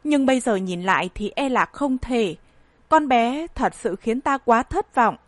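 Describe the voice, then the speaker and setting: A woman's voice: a little high, animated, measured pace, no echo. A woman reading an audiobook voices a stern, disappointed old grandfather who scolds and sighs. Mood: weary. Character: stern old grandfather, head of a rich family.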